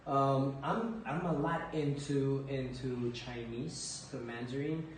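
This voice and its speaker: A teacher from Ecuador in his thirties, medium-pitched and slow, answers interview questions in a school library with bookshelves. He's relaxed and hesitant, repeating words frequently as he thinks. Picked up by a faraway camera across a desk, the room echoes and carries faint noise.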